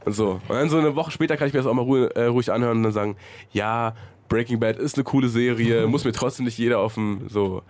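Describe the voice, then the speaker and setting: A man co-hosting a rap podcast, joking and quick in banter. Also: medium pitch, a little mellow. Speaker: co-host.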